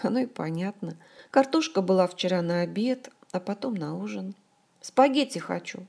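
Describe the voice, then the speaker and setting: A woman narrator reads a novel aloud in calm, even storytelling, letting her sentence ends settle down softly. Her voice sits in a middle pitch with a mellow, warm tone. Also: normal speed, gravelly. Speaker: audiobook narrator. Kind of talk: scripted audiobook narration.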